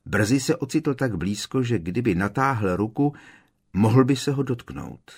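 A man narrating an audiobook with expressive storytelling. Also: medium pitch, breathy edge. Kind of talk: scripted narration.

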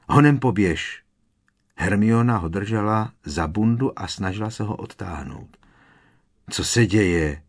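A man reading a fantasy novel aloud as an audiobook narrator, in a steady storytelling manner. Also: fairly low pitch. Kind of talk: scripted narration.

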